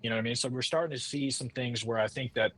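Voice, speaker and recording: This podcast guest, a composer, talks fast in a medium-pitched, fairly bright voice with fairly even intonation. He keeps the interview casual and rambling, repeatedly circling back to rephrase himself.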